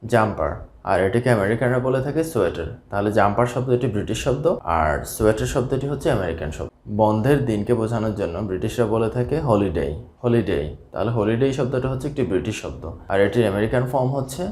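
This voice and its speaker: A man from Bangladesh teaching a scripted English vocabulary lesson, steadily repeating each key word slowly. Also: lowish voice, lively intonation, darkish tone. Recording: echoey room.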